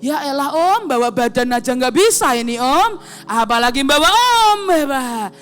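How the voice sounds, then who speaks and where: Woman playing a small timid angel, apologetic, polite, high whiny pitch, sermon story. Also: animated, moderate pace, faint music behind.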